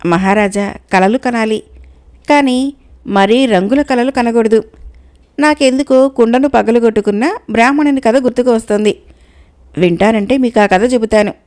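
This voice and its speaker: Woman voicing prudent fable minister, measured counsel. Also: on the high side, darkish tone, lightly acted. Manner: measured, advising. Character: wise cautious old minister.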